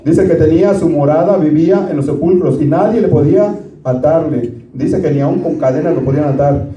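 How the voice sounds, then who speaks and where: Pastor preaching in a roomy hall. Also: male voice, a little high, a little fast, mellow. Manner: conversational preaching, repeatedly addressing listeners as brothers. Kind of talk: sermon. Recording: roomy, distant from the mic.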